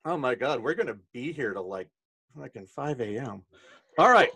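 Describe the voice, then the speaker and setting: A man's voice: medium pitch, very animated, moderate pace, bright, forceful tone, slightly rough. A man hosting a podcast on a video call, running a party game in joking, profane casual chat. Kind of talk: casual late-night chat.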